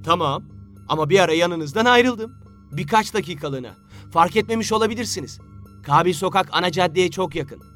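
A man's voice: sits high, lively intonation, fairly quick, fairly bright tone, soft background music, pitched above the performer's own voice. A man voicing a smug, mischievous young man who teases and mocks his friends. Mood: playfully defiant. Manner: teasing and playful.

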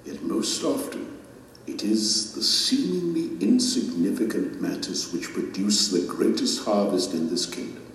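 A man playing a majestic, benevolent king in an audio drama, speaking in solemn, measured, regal pronouncements. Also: lowish voice, sing-song, gravelly, a little hiss or hum, heavily acted. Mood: grave, authoritative. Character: majestic benevolent king judging his subjects. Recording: cavernous echoing hall, music behind.

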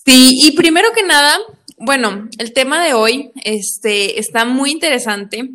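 Young woman, fairly high voice, casual podcast host, conversational interview style. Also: animated, unhurried, pushed and bright. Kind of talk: casual chat, hosting an interview.

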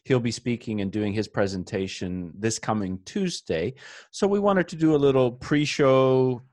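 A man's voice: mid-range voice, moderate pace, darkish tone, no room sound. A man hosting a casual podcast, introducing things in a loose, friendly way with lots of fillers. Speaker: podcast host.

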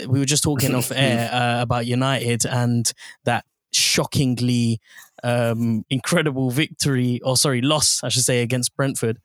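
A man's voice: mid-range voice, no echo, studio quality. A man hosting a podcast, telling stories in a chatty, upbeat way. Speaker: podcast host. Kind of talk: casual podcast chat.

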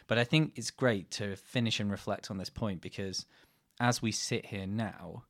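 Brief: male podcast host, low voice, relaxed reflective banter. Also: normal speed. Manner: reflective, wandering, friendly banter. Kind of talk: casual chat.

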